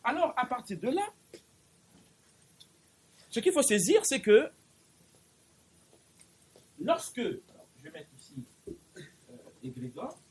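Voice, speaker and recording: A man giving a spiritual lecture at a conference, animated, acting out little dialogues and repeating himself. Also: very high-pitched, slow, pauses often. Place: conference in Paris.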